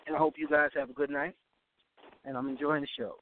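A man's voice: on the high side, flat delivery, fast, slight background noise. A man calling in to a radio show on the phone from his car while he drives. He is earnest and repeats points for emphasis. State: driving while on the call. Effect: phone call from a moving car, muffled. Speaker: caller. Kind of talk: casual call-in chat. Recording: muffled phone line from a car.

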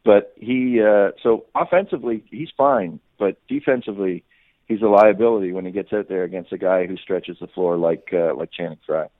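A man with a lowish voice offers off-the-cuff sports analysis as a guest reporter at a moderate pace, often repeating words and restarting sentences. There's no echo, but the line sounds muffled and phone-like, as on radio.

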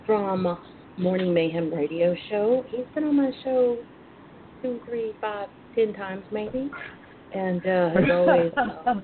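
A woman's voice: mid-range voice, takes it slowly. A woman hosting a casual radio talk show in a chatty, sassy, bawdy manner. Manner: sassy, bawdy, uses endearments. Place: front porch at home. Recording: phone-like internet radio line with hiss.

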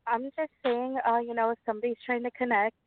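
A woman's voice: on the high side, flat delivery, quick pace, dry recording. A woman calling in by phone, speaking politely and briefly in plain conversation. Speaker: caller. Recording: dry, tinny phone line.

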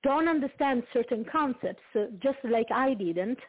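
A woman from Italy with an Italian accent, a singer-songwriter speaking as a guest in a casual interview, talking haltingly with many fillers and restarts. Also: fairly high pitch, expressive, slightly rough. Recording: tinny phone-like call audio.

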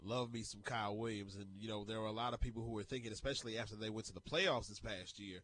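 A man's voice: on the low side, fairly even intonation, fast, fairly bright tone. A man co-hosting a morning sports talk radio show, chatting casually and jokingly with lots of fillers. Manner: jokey, rambling, with many fillers. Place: radio studio.

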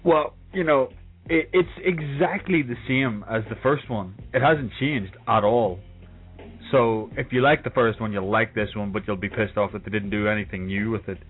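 A man's voice: lowish voice, normal speed, slightly rough. A man with an Irish accent chatting casually and swearing freely as a podcast co-host about games. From England. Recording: tinny phone-like voice call, music behind.

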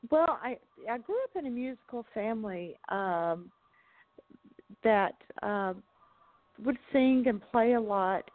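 Give me a woman heard over the phone, with a thin, tinny sound. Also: on the high side. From Southern United States. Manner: thoughtful, with frequent ums and restarts. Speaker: guest musician. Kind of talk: casual interview chat.

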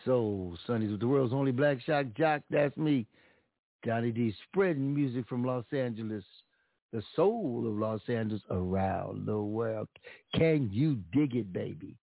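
A man's voice: mid-range voice, moderate pace, creaky, no echo. A dry, thin, phone-quality recording of a man hosting a radio show. He talks in jive, soul DJ style, with hip vintage slang and a stretched-out showman's delivery. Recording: narrow, tinny phone-like line.

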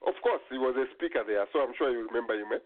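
A man's voice: mid-range voice, expressive, racing. A man hosting a casual radio call-in chat, often repeating his words as he goes. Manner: stammering repetition of words and phrases. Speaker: radio call-in show host. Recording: tinny phone-like radio sound.

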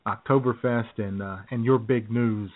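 Co-hosting an internet radio show, a man trades casual comedic banter, joking and laughing frequently. His mid-range voice is steady and moderately paced. The audio is thin and phone-like.

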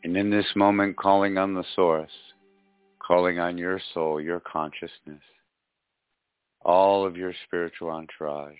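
Man, low-pitched, soothing meditation guide, unhurried and hypnotic, dull dry recording, faint music. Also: clean tone, dry recording. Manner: slow, soothing, hypnotic delivery with pauses and repetition. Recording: dull lo-fi audio, music behind.

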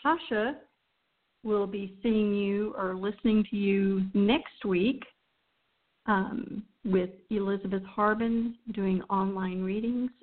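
This radio host is a woman with a mid-range voice who speaks slowly. She closes out her show off the cuff in a loose, chatty, unscripted way, and the audio comes through thin like a phone line.

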